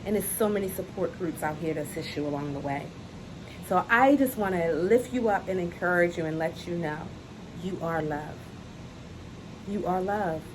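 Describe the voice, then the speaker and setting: Speaking at normal speed in a lowish voice, a self-love coach encourages viewers earnestly to camera in a heartfelt motivational talk. She's outside on a hot day with a noisy background, and she repeats her key phrases.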